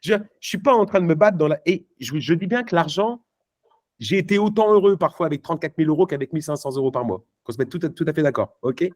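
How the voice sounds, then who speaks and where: A man's voice: fairly high pitch, expressive, quick pace, darkish tone. A man giving a live motivational talk at a network marketing event, punchy and emphatic, speaking casually to the crowd. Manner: many fillers and restarts, casual slang.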